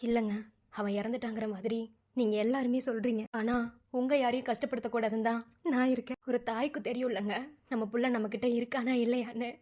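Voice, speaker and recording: A woman voicing a grieving village mother in an animated drama, who pleads and insists that her dead son is still alive. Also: a little high, quick pace, natural voice. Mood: sorrowful. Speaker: cartoon voice actor.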